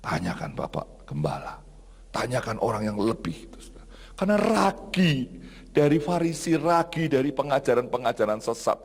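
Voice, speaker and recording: A male pastor preaching a sermon, telling stories and acting out the voices of people in them, with a somewhat husky voice. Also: mid-range voice, sing-song, moderate pace. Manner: storytelling preacher who acts out dialogue, addressing the congregation often. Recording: long hall reverb.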